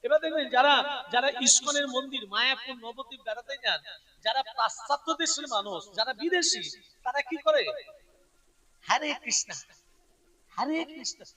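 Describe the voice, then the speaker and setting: A male preacher with a very high, bright voice delivers a devotional sermon. He explains patiently, spelling words out and repeating key points. The mic is set some distance from him. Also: fairly quick. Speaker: kirtan preacher.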